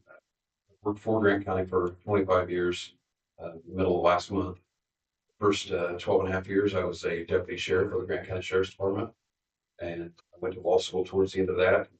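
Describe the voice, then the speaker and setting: A man introduces himself to a small-town council, pausing often on fillers. His voice is deep and flat. He sounds far from the mic, in a roomy hall. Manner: halting, many fillers. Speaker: judicial candidate introducing himself. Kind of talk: informal public self-introduction. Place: town hall meeting room.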